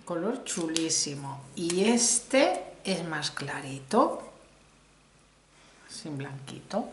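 Woman, Spain accent, middle-aged, beauty haul chat, exclamatory, slow, echoey room with faint hiss. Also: low-pitched, big pitch swings. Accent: Spanish (Spain). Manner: chatty, exclamatory, addresses viewers directly. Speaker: beauty vlogger. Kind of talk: casual makeup haul review.

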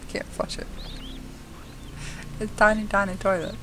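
A woman's voice: mid-range voice, level tone, unhurried, background noise. A woman playing a horror game, talking to herself in a jittery, giggly way. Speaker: gamer.

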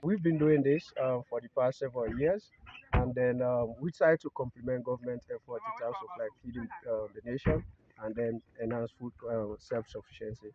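A man's voice: mid-range voice, fairly even intonation, a little fast, dull audio. Hesitant man interviewed in a field. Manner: hesitant, many ums, plain explanatory. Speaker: farm company CEO. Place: open rice field outdoors.

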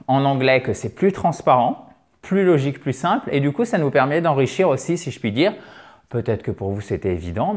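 A man teaching vocabulary, chatty and encouraging, slowing down to exaggerate pronunciation drills. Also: a little high, a little mellow. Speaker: English teacher. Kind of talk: vocabulary lesson.

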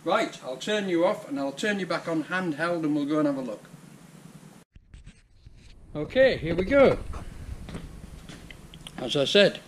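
This older man from England, Yorkshire accent and all, is a vlogger casually walking through a garage repair step by step on a head-worn action camera. His voice is on the high side with lively intonation, a little slow, with frequent pauses and slight background noise.

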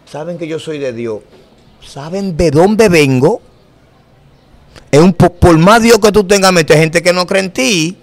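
Gravelly man telling his testimony. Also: a little high. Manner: earnest storytelling, acting out others' words. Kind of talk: emotional spoken testimony.

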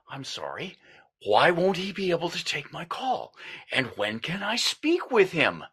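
A flustered salesman, lively and stammering. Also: a little high, slow pace, heavily acted. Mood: flustered, exasperated. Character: flustered, exasperated male salesman on the phone. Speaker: equipment salesman. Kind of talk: comedic short film acting.

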